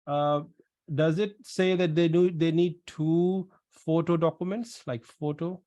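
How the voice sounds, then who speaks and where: A man's voice: a little high, fairly even intonation, unhurried, mellow. A man from Pakistan hosting a pharmacist webinar over a video call, explaining at length and often repeating words. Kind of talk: casual webinar Q&A.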